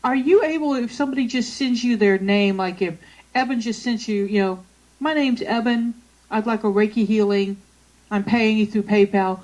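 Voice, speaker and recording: A woman hosts an interview show, her voice sitting a little high for a woman's. She keeps things chatty and loose, laughs easily, and strings her questions together in long, winding turns. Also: moderate pace, a little mellow, rough recording. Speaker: show host. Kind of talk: conversational interview.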